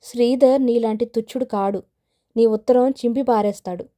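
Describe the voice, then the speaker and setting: A proud young rich woman snaps back in curt, scornful lines, as a woman narrator voices her. The voice sits fairly high and sounds dark and mellow. It is a character in a spoken audio novel. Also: fairly even intonation, moderate pace, natural voice.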